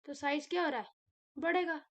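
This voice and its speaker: High-voiced woman teaching chemistry. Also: a little fast. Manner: animated, asks and answers her own questions. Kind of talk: classroom lecture.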